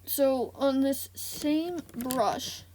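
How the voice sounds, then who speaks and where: A woman's voice: sits high, extremely slow, noisy background. A woman talking casually in a voiceover, rambling and correcting herself, her voice a bit off today. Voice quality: gravelly fry in her voice. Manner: rambling, self-correcting, lots of ums. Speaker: beauty vlogger. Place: home, indoors.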